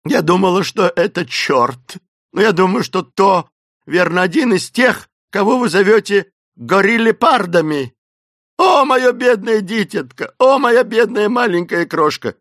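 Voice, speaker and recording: A panicked old servant woman cries out in a shrill, strained voice pitched far above her reader's own, loud and sobbing through every plea, as a man puts her on. She sounds close and dry, with no room around her in this storybook reading. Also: expressive, measured pace, no room sound. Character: hysterical elderly woman servant, terrified and wailing. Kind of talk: audiobook character voice.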